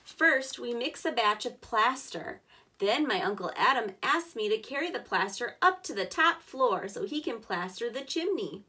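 With a forceful, bright tone, a woman in her thirties reads a picture book to her preschool class, adding clear, simple explanations that encourage the kids. Her voice is a little high and expressive at normal speed, and she was recorded indoors close to the microphone.

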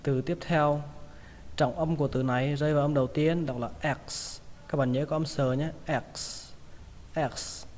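A man with a Vietnamese accent teaching English vocabulary, repeating each word slowly several times to model its pronunciation. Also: fairly high pitch, fairly even intonation, darkish tone, in a large hall, a little hiss or hum. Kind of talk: pronunciation lesson.

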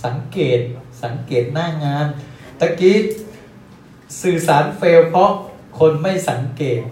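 A man giving a live sales seminar, talking in a lively, joking way and repeating his key phrases. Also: fairly high pitch, measured pace. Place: company seminar room. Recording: echoey room, distant mic, faint hiss.

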